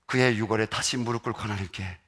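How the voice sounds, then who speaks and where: A man in his forties preaching a sermon as a pastor, swinging from loud high outbursts to hushed near-whispers. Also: fairly even intonation, fast, breathy edge. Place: church sanctuary.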